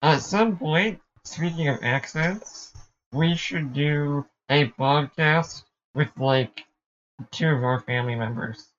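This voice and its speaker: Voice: mid-range voice, slow pace, fairly bright tone, highs cut off, slight background noise. A podcast co-host in casual chat, with dry, easygoing banter.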